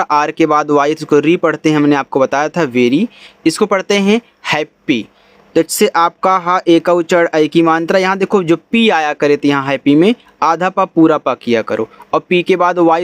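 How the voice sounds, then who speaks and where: A slightly high, clean-toned male voice, recorded with no room sound, leads a Hindi reading lesson. He has an Indian accent and teaches English words by first spelling them letter by letter, then sounding them out.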